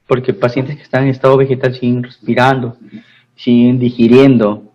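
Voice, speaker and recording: A Peruvian man at a middle pitch teaches a pharmacy course. He talks in loose, repetitive phrases and keeps checking in with his students. The sound is dull and lo-fi, like an online class recording. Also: little pitch movement, normal speed. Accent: Peruvian Spanish. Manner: repeats phrases, asks the class questions.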